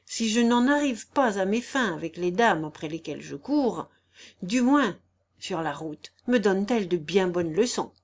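A woman's voice: mid-range voice, lively intonation, normal speed. A woman voicing a wry male poacher who mutters to himself. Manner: muttered aside.

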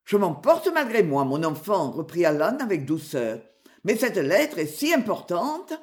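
A woman's voice: fairly low pitch, very animated, a little slow. An impatient, hot-tempered young knight, as a woman reading the story voices him, urgent and demanding in every line. His voice swings widely as he presses his point.

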